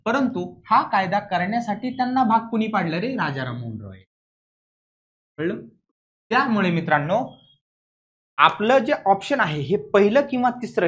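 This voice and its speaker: A man with a high-pitched voice lectures in class as an exam coaching teacher, explaining answers. He stresses and repeats key points and asks questions to check understanding.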